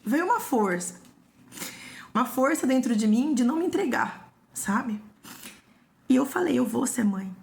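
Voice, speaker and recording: A woman's voice: high-pitched, animated, unhurried, vocal fry, pauses often. A young woman with a Brazilian Portuguese accent tells her own story in a personal testimony vlog. She talks earnestly and emotionally and repeats phrases for emphasis.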